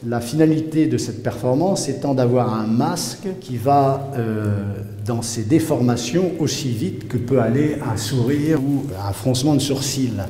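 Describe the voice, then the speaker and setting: Older-sounding artist guy musing slowly, lots of ums, echoey big room. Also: medium pitch, slight background noise. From Congo. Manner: halting, searching for words with many fillers. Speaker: performance artist. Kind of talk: reflective voice-over. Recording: roomy hall reverb under loud music.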